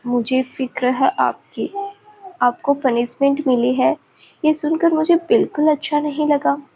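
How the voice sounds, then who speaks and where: A woman's voice: a little high, fairly even intonation, slow, vocal fry, a little mellow, a little hiss or hum, rough recording. A woman voicing an emotional young woman in a storybook romance, speaking in a tearful, pleading way.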